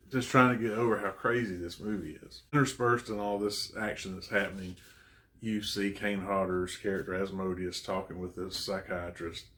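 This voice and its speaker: A man's voice: low-pitched, fairly bright tone. A man reviewing a horror film, recapping the plot in a rambling, conversational and amused way.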